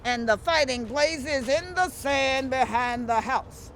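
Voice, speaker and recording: Woman acting folktale mother, high-pitched, firm, unbothered, commanding, Lowcountry Gullah Geechee accent, noisy recording. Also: takes it slowly, a bit bright, heavily acted. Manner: matter-of-fact, firm. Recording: clearly noisy background.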